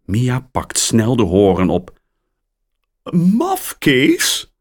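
A man reading a children's story aloud in a slow, expressive storytelling manner. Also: low voice. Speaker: narrator.

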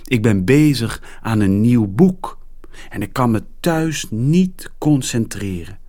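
A friendly but secretive woman author from a children's storybook, speaking in a slow, hushed way and dropping to near-whispers. Her lines rise and fall widely, as a man reading the story aloud puts her on, higher than his own voice. Every word is drawn out. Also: sing-song, heavily acted. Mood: mysterious. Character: mysterious friendly woman horror writer.

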